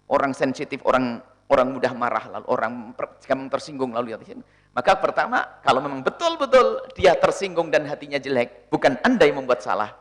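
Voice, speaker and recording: A male preacher answering questions in a sermon, animated and often acting out the people he quotes. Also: mid-range voice, brisk. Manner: animated, acts out quoted speakers.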